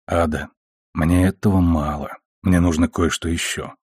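A man's voice: low-pitched, fairly even intonation, unhurried, a little mellow, slightly rough, dry recording, clean studio sound, voice pushed down. A man reading an earnest young ship officer. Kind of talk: audiobook character reading.

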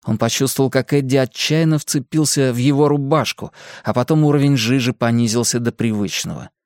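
Man, audiobook narrator, steady, measured, mid pitch, dry close mic. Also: no echo.

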